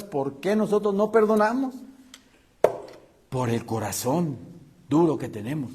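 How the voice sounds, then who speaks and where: A man preaching a sermon as pastor, asking the congregation rhetorical questions and swinging between loud and hushed delivery. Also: fairly high pitch, slightly rough.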